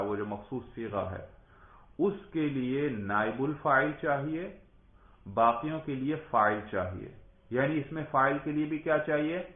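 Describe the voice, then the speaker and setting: A male teacher leads a classroom grammar lesson, patiently putting questions to a student and echoing the answers back. His voice sits at a mid pitch. The sound is thin and tinny, as if carried over a narrow line, and it rings around an echoey room. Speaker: religious school grammar teacher.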